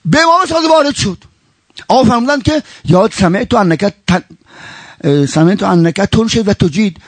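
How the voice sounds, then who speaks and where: Male preacher, mourning sermon, high voice, dry sound, impassioned, wide swings in tone. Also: animated, dry recording. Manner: impassioned, sweeping swings between high and low; swears oaths and quotes Arabic.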